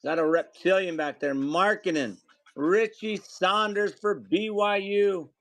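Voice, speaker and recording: A man's voice: high-pitched, steady tone, unhurried, a bit bright, no echo. A man hosting a live card break, reading off player names and calling out the hits to viewers.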